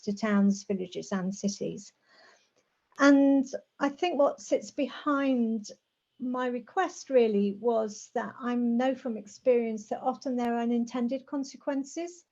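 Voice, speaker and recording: Mature woman who says w for r, muffled audio. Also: fairly high pitch. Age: middle-aged or older. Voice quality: says w for r, soft r sounds. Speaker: guest speaker, rural housing specialist. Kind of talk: informal online presentation. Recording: dull, lo-fi call audio.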